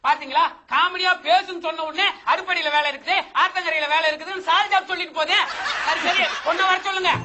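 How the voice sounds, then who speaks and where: A man's voice: very high voice, fairly even intonation, quick pace, very noisy. An actor playing the bride's father in a sketch comedy, bantering and cracking jokes. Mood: teasing. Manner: jokey, bantering. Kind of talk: Tamil TV sketch comedy acting.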